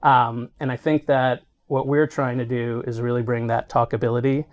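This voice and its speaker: Even-toned middle-aged man explaining. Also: medium pitch, moderate pace. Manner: explanatory, often checks in with "right?". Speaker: healthcare marketing executive being interviewed. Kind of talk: conversational industry interview answers.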